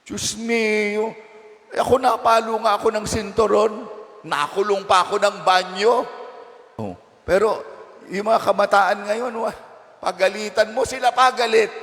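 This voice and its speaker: A man's voice: high-pitched, measured pace, long pauses, fairly bright tone. A male parish priest giving a conversational homily in a church, teasing his listeners and asking them frequent rhetorical questions. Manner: playful, teasing asides. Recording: long church reverb.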